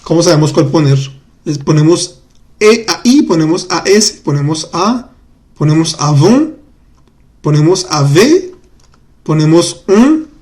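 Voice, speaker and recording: A man teaching grammar in a live online class, chatty and patient, reading out student comments and repeating words slowly. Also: a little high, expressive, darkish tone. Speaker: French teacher.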